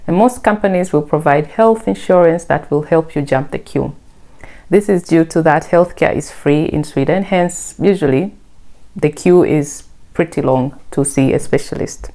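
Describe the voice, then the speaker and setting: A woman from Tanzania hosts her vlog, reading scripted narration and explaining things in an easygoing, friendly manner. Her voice sits low and sounds gravelly yet mellow.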